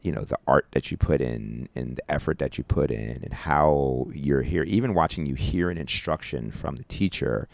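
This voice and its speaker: Deep gravelly man, rambling and affectionate. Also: normal speed, few pauses, darkish tone, no echo. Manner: rambling, affectionate, laughs often. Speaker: podcast co-host. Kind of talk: casual relationship chat. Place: radio studio. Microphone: studio mic.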